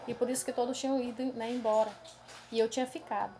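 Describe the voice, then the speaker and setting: Woman preacher, earnest testimony style, somewhat high voice, soft hiss under it. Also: level tone, fast. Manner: earnest and emotional, addresses listeners as brothers; tags many phrases with a questioning aside. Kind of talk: testimony of a dream vision.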